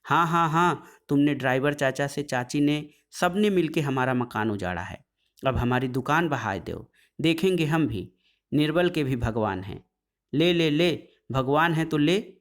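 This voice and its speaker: A man's voice: fairly high pitch, measured pace, close to an everyday voice. A man voicing a quarrelsome older woman neighbour who scolds and taunts in a dialect-heavy way. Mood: taunting.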